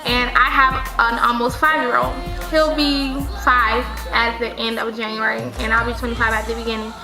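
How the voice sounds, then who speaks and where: A woman in her twenties vlogs a casual opinion monologue to camera in a slightly high voice with little pitch movement at normal speed. She rambles, corrects herself often and leans on "like" as a filler, and the sound is reverberant over music.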